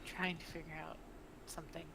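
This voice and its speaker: A woman playing a tabletop game, chatty and animated, asking about rolls and spells. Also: deep voice, a little fast, background noise. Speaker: player. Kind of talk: casual tabletop play.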